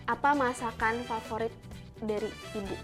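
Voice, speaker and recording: Brief: woman, podcast host, high voice, code-switches into English, clear music bed behind. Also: steady tone. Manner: mixes English phrases into Indonesian, quick affirmations. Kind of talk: casual interview chat.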